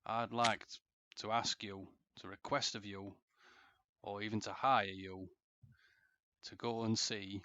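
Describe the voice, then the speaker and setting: A man voicing a worried village man who asks travellers to hire on and track down beasts, speaking in a measured, low-key way. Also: pushed and bright, no room sound. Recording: dull lo-fi sound.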